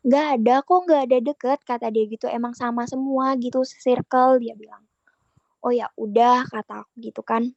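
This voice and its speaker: Young woman, chatty storyteller, quotes dialogue, a bit high, dry lo-fi sound. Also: fairly even intonation, moderate pace, a little mellow, no room sound. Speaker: guest sharing a relationship story. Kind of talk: casual podcast storytelling.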